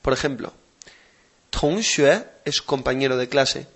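A man hosting a language lesson podcast, explaining slowly and patiently and repeating words for practice. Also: mid-range voice, creaky, fairly bright tone, breathy edge. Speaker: language teacher and podcast host.

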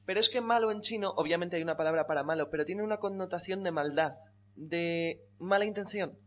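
Hombre profesor de chino, paciente, sonido apagado. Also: male voice, high voice, fairly bright tone, dull audio. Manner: patient, repeats tones slowly and drills pronunciation. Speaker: Chinese language teacher. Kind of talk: one-on-one language lesson.

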